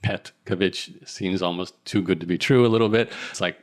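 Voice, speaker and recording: A man's voice: sits low, steady tone, normal speed. A man from Australia hosting an interview podcast, chatty and rambling, with frequent restarts. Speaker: podcast host. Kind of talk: casual interview chat.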